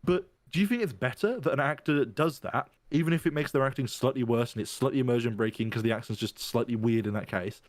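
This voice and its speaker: A man's voice: mid-range voice, quick pace, few pauses, dry recording. Casual podcast guy rambling through an argument, dry mic, asks "right?" a lot. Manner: explains at length, checks in with "right?". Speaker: podcast host.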